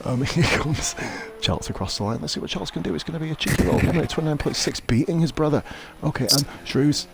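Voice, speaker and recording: A man's voice: fairly high pitch, quick pace, creaky, few pauses, noisy background. Sweary lisping man commentating. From South West Wales. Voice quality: lisp. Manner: sweary, bantering. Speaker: race commentator, host. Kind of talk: casual livestream sports commentary.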